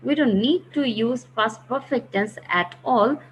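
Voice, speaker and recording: A woman's voice: a little high, a little slow. A woman teaches a grammar lesson, patiently explaining and repeating key phrases. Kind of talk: recorded online grammar lesson. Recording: dull lo-fi recording with faint hiss.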